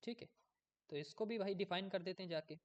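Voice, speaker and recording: A man's voice: high-pitched, a little fast, muffled recording. Man thinking aloud through code. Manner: thinks aloud while coding, often loses his place; chatty, checks in with viewers. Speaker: coding tutor. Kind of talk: casual screen-recorded coding tutorial.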